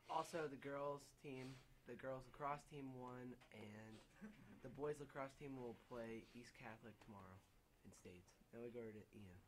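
A teenage boy reads the school sports results in a plain, middle voice. He pauses and corrects himself mid-sentence, with a faint hiss behind. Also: medium pitch, rough recording. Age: teens. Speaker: sports announcer.

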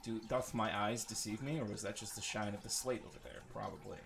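Rambling casually through his gameplay, a man jokes with viewers while recording a playthrough. His voice is gravelly and fairly bright, moving a little fast, and the home recording is noisy, uneven and low-level.

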